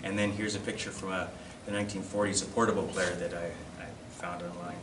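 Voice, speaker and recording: The speaker is a collectors' society presenter, a man with a lowish voice and flat delivery, working haltingly through a casual slide-show lecture and making fun of himself. He's recorded in a classroom by a camera far across an echoey room, with loud noise behind him.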